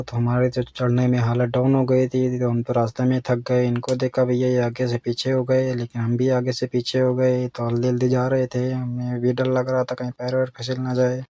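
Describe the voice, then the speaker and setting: A man's voice: medium pitch, no room sound. A man narrating his outing vlog in a casual, storytelling way, saying "bhaiya" again and again. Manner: flat storytelling, rural Hindi phrasing, repeats "bhaiya" often. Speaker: vlogger.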